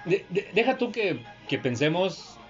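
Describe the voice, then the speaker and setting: A woman's voice: on the low side, sing-song, a little slow, dull audio, faint music behind. A woman chatting bluntly in slang as a podcast co-host. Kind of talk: casual chat.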